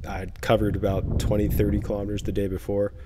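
A young man narrating his canoe fishing trip in a relaxed, plain-spoken voice-over with fillers and pauses. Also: lowish voice, background noise. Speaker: fishing vlogger.

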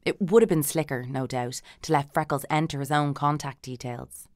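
A woman reading a literary novel aloud as an audiobook narrator, in a measured, dry manner with light character voices. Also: sits low, no echo.

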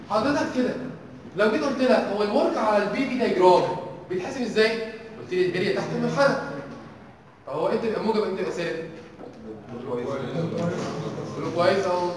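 A young man with an Egyptian accent races through an engineering tutorial at breakneck speed, his voice sitting fairly high. He keeps quizzing the class as he explains. He is picked up from far off in a big lecture hall, with a long, echoing reverb and faint room hum behind him. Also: quick pace, pauses often. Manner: quizzes the class with constant questions. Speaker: engineering teaching assistant. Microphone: distant room mic. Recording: echoey hall recorded from far off.

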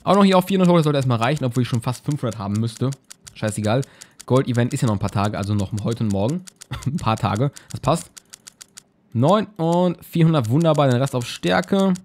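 A man's voice: mid-range voice, fairly quick, a little mellow. A man giving casual, rambling commentary on a game he is playing, often repeating words as he browses items. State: yawning, just woke up. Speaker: let's play host.

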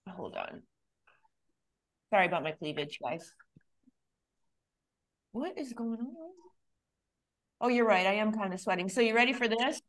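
A woman's voice: medium pitch, unhurried, long pauses. Chatty woman in her fifties teaching. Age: 50s. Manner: chatty and laughing, then calm, steady exercise cueing. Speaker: fitness instructor. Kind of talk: live online exercise class.

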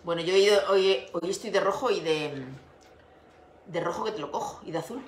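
Fairly quick and on the low side, a middle-aged Spanish woman chats and laughs through a casual craft livestream, greeting viewers by name. She's at home in a room with a window, picked up by a device camera on her desk, and the room sounds echoey.

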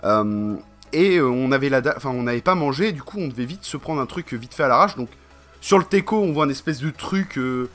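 Bright-voiced rambling man vlogger. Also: mid-range voice, lively intonation, brisk, soft background music. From France. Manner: rambling, slangy, full of fillers. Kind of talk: casual vlog chat.

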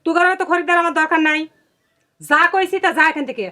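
An actress playing a sharp-tongued young village woman who runs a tea shop, scolding customers bluntly in rural dialect, in a TV drama. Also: very high voice, steady tone, quick pace. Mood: defiant. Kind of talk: TV drama acting.

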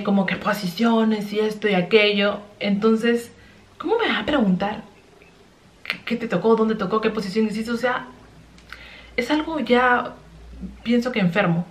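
A woman's voice: medium pitch, unhurried, long pauses. Earnest young woman telling her story. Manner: earnest, chatty, tags lines with "¿no?". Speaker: vlogger. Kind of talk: personal confessional storytelling.

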